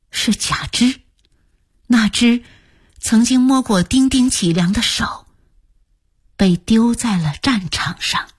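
Woman, audiobook narration, breathy, very dry sound. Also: medium pitch, dry recording. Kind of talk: scripted novel narration.

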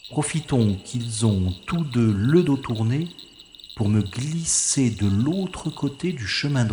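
In an audio drama, a man plays a wry, self-mocking secret agent narrating his own mission as a first-person inner monologue. His voice is mid-range with a darkish tone, heard in a reverberant space with a little hiss or hum.

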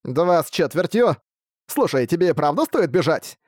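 Man doing a mocking hidden voice for an audiobook, slow and taunting, fairly high. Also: big pitch swings, a little mellow, no echo, clean studio sound. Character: mocking unseen forest voice, grown man. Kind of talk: audiobook reading.

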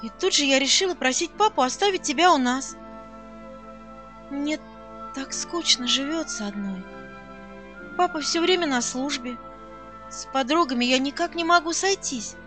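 A woman voicing a gentle, serious girl who speaks earnestly and tenderly in an audiobook reading. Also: very high voice, animated, a little slow, faint music behind. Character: gentle serious rich girl, orphan's friend.

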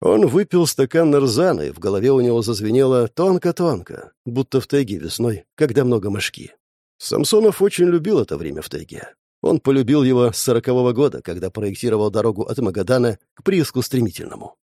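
Man giving an expressive literary reading. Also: medium pitch, brisk, no echo, studio quality. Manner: expressive, dramatic storytelling. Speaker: reader.

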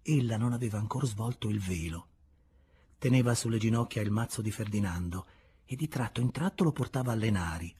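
Un uomo che legge ad alta voce un romanzo classico, con ritmo misurato ed espressivo, a tratti quasi sussurrando. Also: male voice, fairly low pitch, husky. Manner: measured, expressive, sometimes dropping to a whisper. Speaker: audiobook reader. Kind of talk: literary audiobook narration.

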